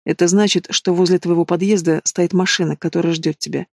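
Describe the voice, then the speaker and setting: A man voicing a domineering, possessive mobster in an audiobook, speaking low and mocking. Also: fairly even intonation, brisk, vocal fry, a little mellow, no echo, clean studio sound. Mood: menacing.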